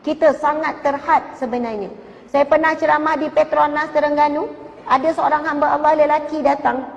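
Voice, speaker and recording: A woman's voice: sits high, fairly even intonation, brisk, vocal fry. A woman religious teacher with a Malaysian Malay accent, giving a sermon and earnestly retelling stories people told her. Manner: earnest storytelling, quoting others. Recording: dull, lo-fi with long hall reverb.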